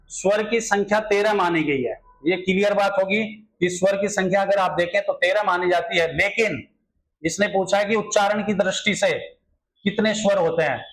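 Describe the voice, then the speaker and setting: A man's voice: high-pitched, low-quality recording. A male teacher solving exam questions in a grammar lesson, explaining step by step and often asking rhetorical questions.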